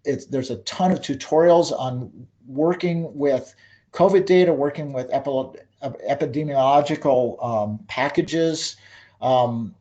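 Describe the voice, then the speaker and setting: A man's voice: mid-range voice, unhurried, dark tone, lo-fi sound. A man hosting an online talk, wrapping up with rambling announcements full of ums and restarts over a video call. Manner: rambling, many fillers and restarts. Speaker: webinar host. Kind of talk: casual closing announcements.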